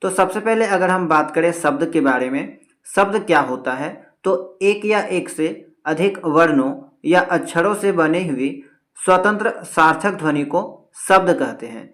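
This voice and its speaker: A man's voice: a little high, expressive, a little slow, fairly bright tone. A man's slightly raised voice carries this Hindi grammar lesson for exam takers. He explains each point step by step and drops English words into his Hindi. He often checks in with his class as he goes. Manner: explanatory, checks in with repeated "theek hai". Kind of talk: exam-prep lecture.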